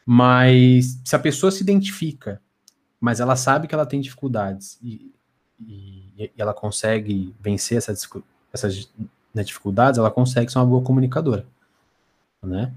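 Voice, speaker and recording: A man's voice: medium pitch, normal speed, slightly rough. A man with a Brazilian accent chatting casually as a podcast guest, with a tongue-tied lisp that slurs his s and a stammer that repeats words and syllables.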